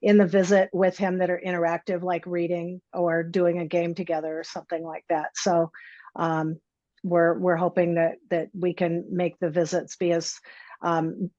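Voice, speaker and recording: A woman speaking as an attorney in a courtroom recording, explaining her client's position to a judge with hesitant pauses. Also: lowish voice, level tone, mellow, dry recording. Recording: dry, dull lo-fi courtroom audio.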